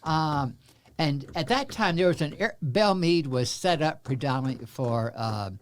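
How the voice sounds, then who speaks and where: Now in his seventies, this Central Texas man tells his life story as an interview guest, halting and leaning on plenty of fillers while showing a wry sense of humor. His voice sits on the higher side with lively intonation, and a faint hiss or hum can be heard.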